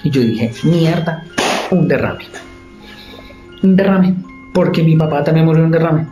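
A man's voice: fairly high pitch, measured pace, reverberant, music in the background. A man, a theater director retelling events in an interview and acting out the voices of others. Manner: animated, acts out the voices of others. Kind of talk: storytelling interview.

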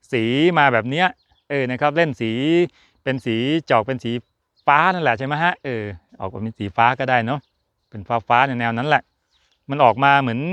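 A man's voice: mid-range voice, fairly bright tone, smooth, dry recording. A man hosting a casual chatty motorsport talk, joking and rambling with fillers as he talks to his viewers. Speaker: F1 channel host. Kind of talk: casual chat to camera.

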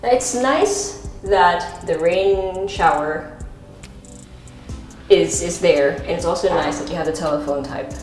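The host of this house tour is a low-voiced Filipino woman with a slow pace and a slightly mellow sound. She chats her way through empty indoor rooms and a stairwell, unscripted and casual, with asides in Tagalog as she presents on foot. Recorded on a wireless body mic packed at her waist, her voice echoes off bare walls over background music.

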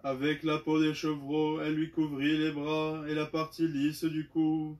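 A man reading scripture aloud at vespers, in a measured, unvaried delivery. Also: fairly high pitch, monotone, a little mellow, muffled recording. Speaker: lector at vespers.

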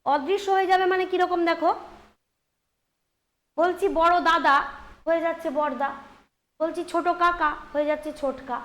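Female teacher, bright high voice, steady step-by-step explainer. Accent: Bengali. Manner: explains step by step, often asks "ঠিক আছে?". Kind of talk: grammar lesson.

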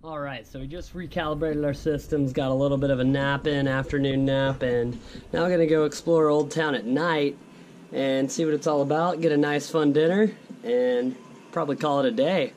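Young man, casual vlog talk, upbeat, slangy, enthusiastic, fairly high voice, noisy handheld camera audio. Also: fairly even intonation, normal speed, darkish tone. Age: young adult. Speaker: vlogger and skateboarder. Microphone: camera at arm's length. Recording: noisy action-camera sound, background rumble.

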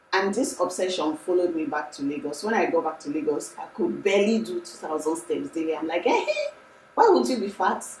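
A woman's voice: lowish voice, reverberant, distant mic, rough recording. A young Nigerian woman talking casually and emphatically to camera in a room, as a lifestyle vlogger. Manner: chatty, animated, emphatic. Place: room indoors.

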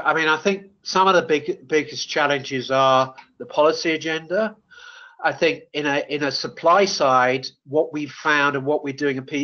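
A man giving a webinar talk, speaking in a mid-pitched voice that keeps stopping on "uh" and "you know" and starting phrases over. The sound is dull and lo-fi, typical of webinar audio. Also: fairly bright tone. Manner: hesitant, many fillers and restarts. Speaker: webinar presenter. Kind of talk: webinar presentation and Q&A.

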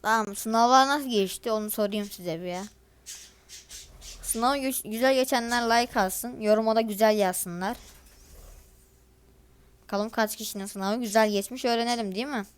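Teen girl gamer, fairly high voice, casual gameplay commentary, chatty, grumbling, exasperated, talks to viewers. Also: moderate pace, pauses often, smooth. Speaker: gaming video creator.

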